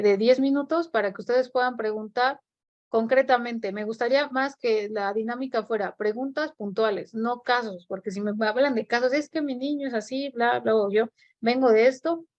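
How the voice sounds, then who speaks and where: Woman, webinar speaker, slightly high voice, muffled call audio. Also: darkish tone. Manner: explanatory, frequent rhetorical checks. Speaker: speaker on parenting. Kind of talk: webinar talk.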